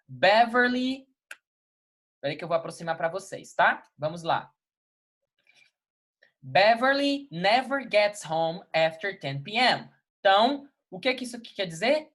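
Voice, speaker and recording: A man's voice: high voice, a bit bright. Patient male English teacher from Brazil. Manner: patient, repeats key words and checks in with "ok? tá? beleza?"; reads English example sentences slowly, then translates them. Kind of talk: recorded classroom lesson.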